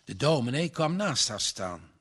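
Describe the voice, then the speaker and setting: A man reading a story aloud in an unhurried, even manner. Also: medium pitch, husky. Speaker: narrator. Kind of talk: audiobook narration.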